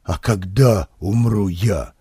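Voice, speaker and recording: A man's voice: lowish voice, slow pace, mellow, husky, no echo, clean studio sound, voice pushed down, full character voice. A man doing a hot-headed cameraman. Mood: angry.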